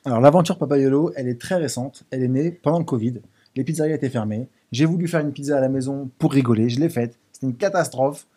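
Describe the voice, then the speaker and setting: Man, guest in studio, husky and mellow, lively talker. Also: mid-range voice, fast talker. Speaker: pizza business founder, guest. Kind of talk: casual studio interview.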